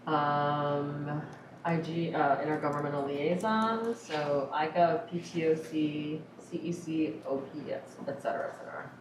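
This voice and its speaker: Low-voiced woman chairing a noisy meeting. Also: a little slow. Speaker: board president chairing the meeting. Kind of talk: meeting procedure. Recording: echoey room, distant mic, loud noise.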